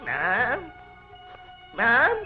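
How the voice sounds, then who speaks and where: A man's voice: very high-pitched, wildly swooping pitch, extremely slow, soft background music, heavily acted. A young actor playing a determined young man who pleads earnestly to be blessed before leaving. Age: young adult. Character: determined young man set to claim inheritance. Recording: dull lo-fi film audio.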